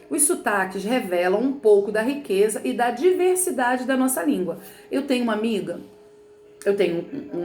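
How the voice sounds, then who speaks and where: A woman teacher from Rio de Janeiro talks through a textbook lesson with a Carioca accent. Her voice sits a bit high, and she keeps checking in with her students as she explains. The room around her is echoey. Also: a little mellow. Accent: Carioca Portuguese. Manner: chatty, explanatory, frequent "né" and "tá bom". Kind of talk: remote lesson reading from a textbook.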